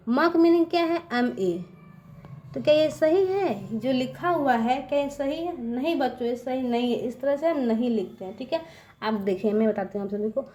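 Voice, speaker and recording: A woman teaching a patient classroom-style lesson, speaking to the listeners as children and often asking checking questions. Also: high voice.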